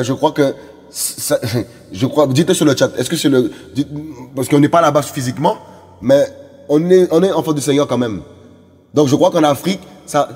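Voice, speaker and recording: A man's voice: medium pitch, darkish tone, slightly rough, long reverb tail. A male preacher delivering a fervent sermon, repeating phrases and stumbling over fillers as he exhorts. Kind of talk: evangelistic sermon.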